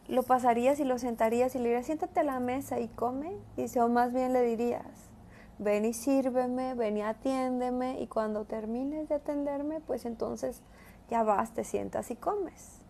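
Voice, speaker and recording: A woman's voice: on the high side, steady tone, a little slow, mellow, slight background noise. A woman giving a conversational devotional Bible teaching, often adding tag questions as she goes.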